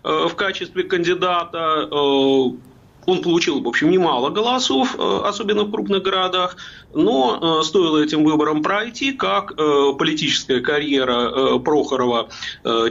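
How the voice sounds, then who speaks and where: A man giving political commentary as a guest, pausing constantly with drawn-out hesitations between words. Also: on the high side, fairly bright tone, muffled recording.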